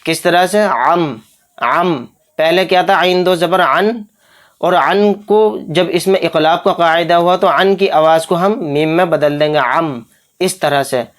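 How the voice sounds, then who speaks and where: A Quran recitation teacher leads a step-by-step lesson in a mid-range voice. Each syllable is spelled out slowly, rules are explained in quick asides, and the teacher poses questions and answers them.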